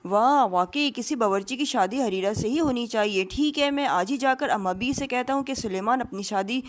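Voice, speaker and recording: A woman voicing a mischievous, quick-witted young man in a story. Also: on the high side, close to an everyday voice. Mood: teasing. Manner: mock-angry teasing, faking other voices.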